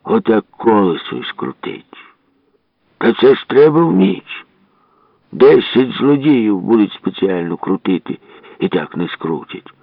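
A grumbling old grandfather, voiced by a man reading a story, scolds in slow, gruff tones. The voice sits low and dry. It comes through a thin, phone-like radio broadcast. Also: sing-song, no room sound, full character voice. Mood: scolding. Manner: gruff, scolding, drawn-out words.

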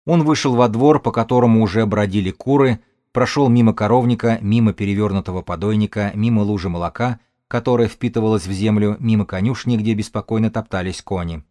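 A male audiobook narrator with a low voice. He reads in a steady, even storytelling manner. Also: a little fast, dry recording. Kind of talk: scripted narration.

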